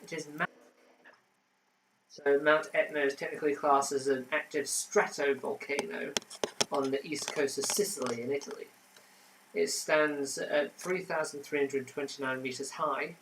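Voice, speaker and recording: A man's voice: fairly high pitch, steady tone, normal speed, noisy background. A man hosting a casual home quiz, reading answers and adding trivia with frequent fillers. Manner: chatty, reads answers then adds trivia with many fillers. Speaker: quiz host.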